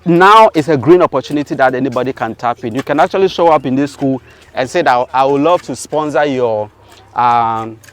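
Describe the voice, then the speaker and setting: A man's voice: medium pitch, brisk. A man hosting an enthusiastic on-site interview outdoors on a farm. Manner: enthusiastic, keeps saying awesome. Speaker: video host touring a school farm.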